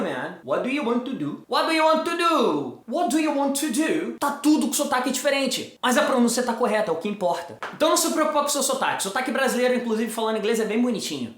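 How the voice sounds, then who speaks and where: A man with a Brazilian accent, teaching in an informal, energetic video lesson, direct and teasing with casual slang. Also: very high-pitched, roomy sound. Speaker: English teacher.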